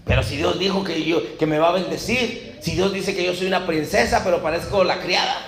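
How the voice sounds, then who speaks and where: A Mexican man preaching a sermon in a church, with a fairly high voice. He keeps asking the congregation questions and acts out little scenes of Bible dialogue. The room around him is echoey and roomy. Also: fairly quick, creaky, fairly bright tone. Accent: Mexican Spanish. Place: church hall.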